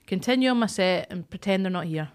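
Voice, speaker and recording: A woman's voice: medium pitch, animated, quick pace, clean tone. Frank Scottish woman chatting. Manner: frank, colloquial. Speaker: stand-up comedian. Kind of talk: casual chat.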